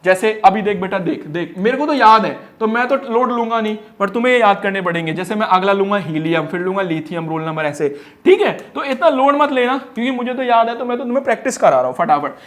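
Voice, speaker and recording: A man teaching an energetic one-shot lesson in a playful, teasing way. He fires quiz questions, answers them himself and stretches phrases into a singsong. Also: sits high, fast, hardly any pauses. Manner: drags words out in a singsong way.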